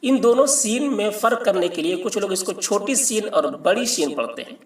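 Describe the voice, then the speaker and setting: A man teaching a patient alphabet lesson, slowly spelling out and repeating each letter. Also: high-pitched, animated, distant mic. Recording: echoey room, mic set back.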